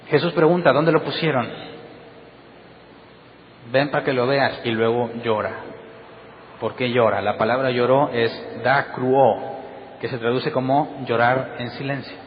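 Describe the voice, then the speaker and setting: A man's voice: medium pitch, slow, pauses often. A man preaching a Bible study sermon, firing questions at his listeners and acting out the voices he quotes. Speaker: pastor. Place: church hall. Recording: long hall reverb, dull sound, faint noise.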